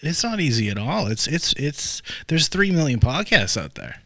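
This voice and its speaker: A man's voice: on the high side, very animated, normal speed, pushed and bright, dry recording. A man hosting a podcast interview, chatting loosely with lots of fillers and restarts. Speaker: podcast host.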